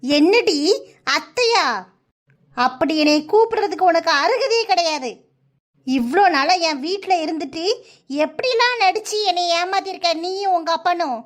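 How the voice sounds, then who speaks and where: A woman's voice: extremely high pitch, lively intonation, moderate pace. A woman voicing a reproachful, indignant middle-aged village mother in a cartoon, with a southern Tamil Nadu accent. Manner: reproachful, scolding.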